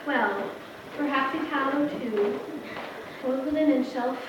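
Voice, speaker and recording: A woman's voice: sits high, measured pace. A woman acting a stern, bossy, disapproving rich old aunt in a stage play, with a formal scolding manner. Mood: indignant. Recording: distant, echoey theatre, noisy dull sound.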